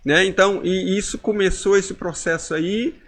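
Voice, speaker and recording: A man's voice: high voice, steady tone, moderate pace, a bit bright. A man in his forties giving an emotional personal testimony as a podcast guest, acting out inner dialogues with intensity. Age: 40s.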